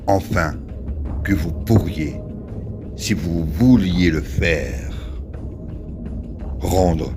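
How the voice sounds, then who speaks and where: A man playing a proud, victorious warrior king in a classical verse tragedy, with grand, solemn tragic stage declamation and weighty pauses. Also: low voice. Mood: lofty, grave. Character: proud victorious king and war leader, grave and lofty.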